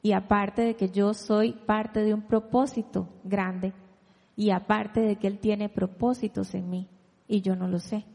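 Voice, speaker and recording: A woman's voice: mid-range voice, level tone, unhurried, creaky, darkish tone. Woman preaching in a reverberant hall. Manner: asks rhetorical questions and invites the audience to read along. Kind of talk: sermon with scripture reading.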